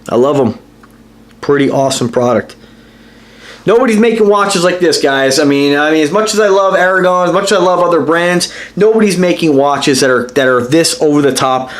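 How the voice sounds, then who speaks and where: A man hosting a casual watch review vlog, talking to his viewers in an enthusiastic, rambling way with lots of fillers and restarts. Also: a little high. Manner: addresses viewers directly as guys. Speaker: watch reviewer and channel host.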